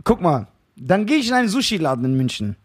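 Young male podcast co-host, high-pitched husky storyteller, animated delivery. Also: quick pace. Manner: animated storyteller, laughs often. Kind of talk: casual chat, storytelling.

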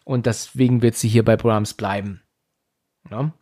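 A man's voice: lowish voice, fairly even intonation, a little slow, a little mellow. A man casually retelling a film's plot, talking loosely with many fillers and restarts. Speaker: podcast host recapping a film. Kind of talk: casual film discussion.

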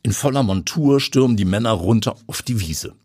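Man, audiobook narrator, low husky voice, very expressive, dry close mic. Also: moderate pace, no echo. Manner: vivid, expressive storytelling. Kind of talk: audiobook story reading.

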